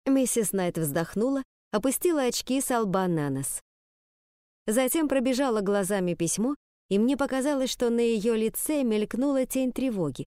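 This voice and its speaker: Smooth-voiced woman reading an audiobook. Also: fairly high pitch, moderate pace, no room sound, studio quality. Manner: lively storytelling, first person. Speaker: audiobook narrator.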